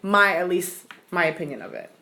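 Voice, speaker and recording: A woman's voice: fairly low pitch, fairly quick, sharp tone. A woman in a casual podcast chat, talking bluntly and candidly and peppering her speech with "like".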